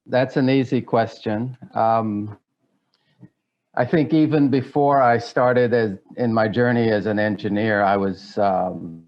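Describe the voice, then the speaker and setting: A middle-aged man from Guyana gives an interview, speaking slowly and deliberately. His voice sits low, and he hesitates often and restarts his sentences. The audio is slightly dull. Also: fairly even intonation. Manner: hesitant, many fillers and restarts. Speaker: guest. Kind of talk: interview answers.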